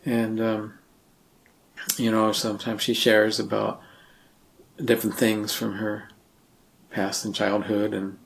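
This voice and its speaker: Low, flat, gravelly caregiver man. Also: slight background noise. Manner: hesitant, full of "you know" fillers. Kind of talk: documentary interview.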